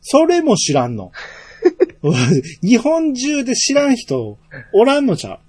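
A man's voice: very high-pitched, wildly swooping pitch, takes it slowly, a little mellow, husky, no room sound. A man with a Kansai accent co-hosting a casual podcast, teasing his partner and reading out listener messages. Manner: teasing, laughs often, reads listener messages. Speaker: podcast co-host. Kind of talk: casual chat.

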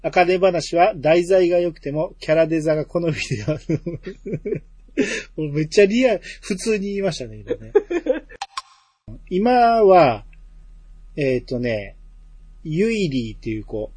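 A man's voice: on the high side, animated, measured pace, pauses often, darkish tone, breathy edge, dry recording. A man with a Kansai accent chatting casually as a talk show co-host, teasing and prodding his partner. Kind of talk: casual chat.

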